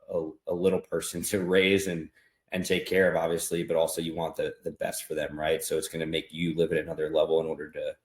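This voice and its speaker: Deep-voiced man in a roomy space. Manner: relaxed, reflective, many fillers. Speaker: podcast guest. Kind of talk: casual chat.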